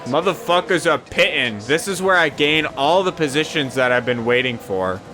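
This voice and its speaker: A young man casually commentating his own racing game session, swearing often and rambling between excited yelps. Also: a little high, moderate pace, faint music behind. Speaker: gaming YouTuber.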